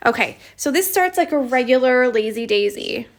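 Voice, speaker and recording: A woman's voice: high-pitched, lively intonation, normal speed. A woman teaching an embroidery stitch in a casual, chatty livestream, filling her sentences with "like". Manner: chatty, lots of "like" fillers.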